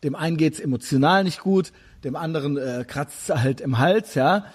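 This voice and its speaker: On this casual podcast, a man with a high, husky voice chats loosely at a moderate pace. He wanders through his stories bluntly, poking fun at himself, and it all sounds relaxed and unscripted.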